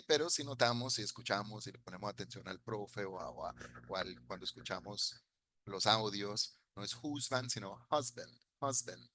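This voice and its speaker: A man's voice: on the low side, pushed and bright. A man teaching an English class in Spanish, patiently explaining grammar and repeating phrases for his students. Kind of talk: bilingual classroom lesson.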